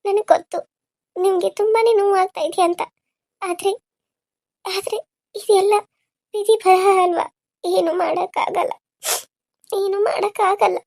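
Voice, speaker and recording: A woman voicing a caring young married woman in a Kannada cartoon serial, speaking gently and earnestly. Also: very high-pitched, fairly even intonation, measured pace, creaky, pauses often, full character voice. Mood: consoling.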